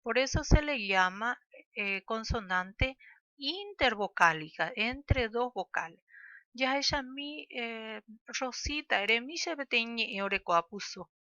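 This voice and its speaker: A woman teaching a language lesson, speaking slowly and clearly and drawing out sounds for pupils to repeat. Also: fairly high pitch, animated, sharp tone, no room sound, highs cut off.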